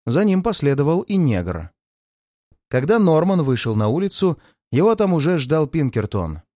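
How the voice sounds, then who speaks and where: A man narrating a detective story as an audiobook reader, with expressive storytelling. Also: on the high side, moderate pace, no room sound, studio quality. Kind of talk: scripted narration.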